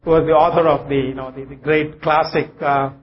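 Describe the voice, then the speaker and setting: Male preacher, South Indian accent, slightly high voice, halting and repetitive delivery, dull live church recording with some noise. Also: flat delivery. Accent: South Indian English. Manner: halting, repeats phrases for emphasis. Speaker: guest preacher. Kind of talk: sermon. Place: church service. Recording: muffled, noisy live recording.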